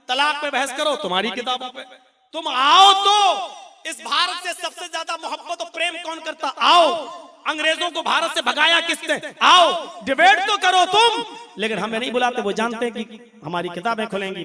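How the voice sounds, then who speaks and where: A male preacher telling stories in a lively, animated way during a humorous religious talk. His voice is very high and bright. It echoes through a hall. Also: distant mic. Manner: animated storytelling. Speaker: Islamic preacher.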